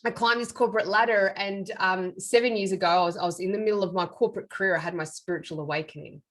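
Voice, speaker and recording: Fast and fairly even in intonation, a middle-aged Australian woman's medium-pitched, slightly bright voice carries her life story. A medium and author, she is the guest in an interview and speaks in an earnest, reflective way.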